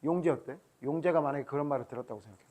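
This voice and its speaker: A middle-aged man preaching to children in a somewhat high voice. He keeps turning to the kids with questions, and he slips into little acted voices as he retells the story. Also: racing, darkish tone. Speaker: pastor. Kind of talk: children's sermon.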